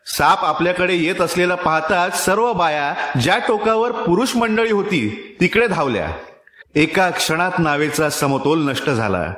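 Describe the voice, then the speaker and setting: A man's voice: high-pitched, echoey room. Man narrating a story with a Marathi accent. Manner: expressive, theatrical reading. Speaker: story reader. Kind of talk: dramatic narration of a short story.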